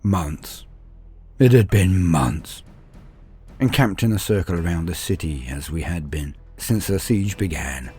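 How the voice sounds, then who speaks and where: Over background music, a man narrates scripted fan fiction war tales in a solemn, theatrical, dramatic style. His voice is low-pitched, husky, and warm, expressive yet unhurried.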